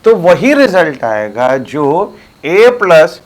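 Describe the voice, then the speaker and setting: Slow, lively-voiced Indian maths teacher. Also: male voice, on the high side. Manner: slow, patient explaining with emphatic stresses. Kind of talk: classroom maths lesson.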